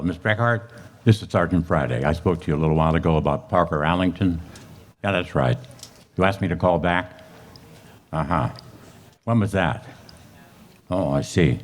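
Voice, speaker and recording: A man playing a terse, dutiful police sergeant, clipped and businesslike, in an old-time radio police drama. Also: sits low. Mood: businesslike, polite. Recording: live stage radio play with music.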